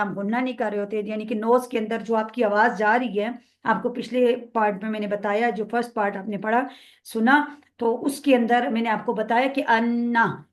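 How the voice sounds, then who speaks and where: A woman with a Pakistani Urdu accent giving a recitation lesson, explaining and then reciting passages slowly and drawn out. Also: on the high side. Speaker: teacher of prayer recitation.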